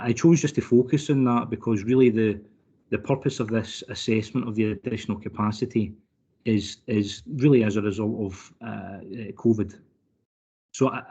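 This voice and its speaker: Man on a lo-fi video call, husky. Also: lowish voice, warm tone. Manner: persuasive, courteous, keeps addressing the panel formally. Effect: remote video call audio. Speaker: solicitor for a licence applicant. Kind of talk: formal legal submission to a committee. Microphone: computer mic on a video call. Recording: dull lo-fi online call audio.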